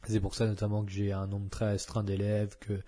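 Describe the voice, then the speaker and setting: A man's voice: on the low side, monotone, a little fast, warm tone. A man hosting a solo podcast, talking casually and frankly with many fillers and restarts. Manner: blunt and frank. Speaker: podcast host.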